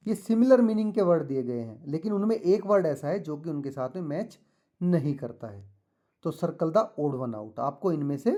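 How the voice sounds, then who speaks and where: Man, patient school lesson, mellow voice, somewhat high pitch. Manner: mixes English and Hindi, reads English slowly then explains; patient, repetitive, addresses children directly. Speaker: teacher. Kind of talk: explaining a school textbook lesson to children.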